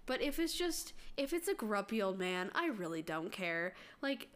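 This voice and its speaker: Host, female, animated talker with a lively, swooping pitch, chatty and informal. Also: normal speed. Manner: animated, chatty, lots of fillers like "like". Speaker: podcast host. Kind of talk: casual chat.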